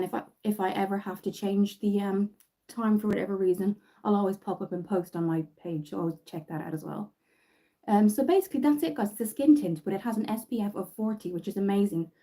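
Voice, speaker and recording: Chatty Irish woman, mellow voice. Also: mid-range voice, low-quality recording. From Ireland. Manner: chatty, rambling, many fillers and restarts. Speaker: makeup vlogger. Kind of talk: casual livestream makeup tutorial. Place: bedroom at home.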